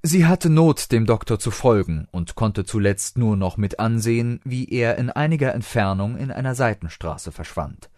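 Man reading a story aloud, animated. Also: medium pitch, moderate pace, few pauses, no room sound, clean studio sound. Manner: expressive read-aloud narration. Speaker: reader. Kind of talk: storybook narration.

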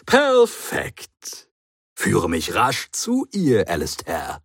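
A man's voice: lowish voice, huge pitch swings, extremely slow, vocal fry, breathy edge, no room sound, studio quality, exaggerated voice. A man voicing an eccentric, cheerful alien time traveller who talks in a breezy, theatrical, joking way. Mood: eager.

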